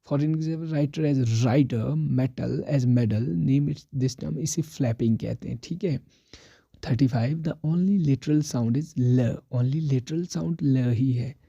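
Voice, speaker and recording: A man's voice: a little high, gravelly, dark tone, breathy edge, no echo. A man teaching an exam prep lesson, mixing English terms into his explanations and repeating the key answers.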